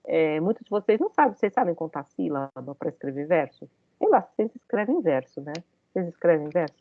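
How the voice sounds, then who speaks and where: A woman's voice: low-pitched, very animated, a little fast, no room sound, phone-quality sound. A woman giving a university lecture, talking it through with many hesitant fillers and questions to her students.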